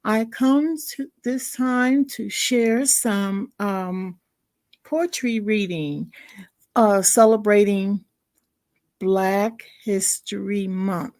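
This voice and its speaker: A woman hosting her own channel, introducing and reading encouraging poems in an unhurried, gently encouraging way. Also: medium pitch, no room sound. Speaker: channel host. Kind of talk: casual introduction and poetry reading.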